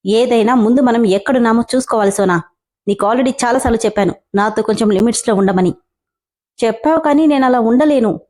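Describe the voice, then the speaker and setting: A woman's voice: on the high side, a little fast, a little mellow, lightly acted. A woman voicing a stern young man, a company boss, with clipped scolding commands in a story reading.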